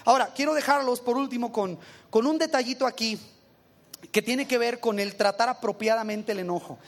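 Delivering a sermon at a brisk clip, this pastor speaks in a mid-range voice and talks with his congregation conversationally. He asks them questions and goes back over lines to stress them.

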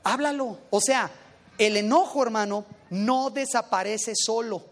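An unhurried pastor with a medium-pitched voice gives a sermon in a conversational manner. He asks his congregation questions and repeats lines from the text for emphasis.

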